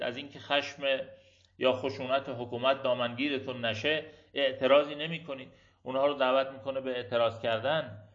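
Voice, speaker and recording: Male lecturer, rhetorical, repetition-driven delivery, dull lo-fi sound. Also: mid-range voice. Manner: rhetorical and emphatic, builds on repeated phrases. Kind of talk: reflective religious lecture. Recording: dull lo-fi recording.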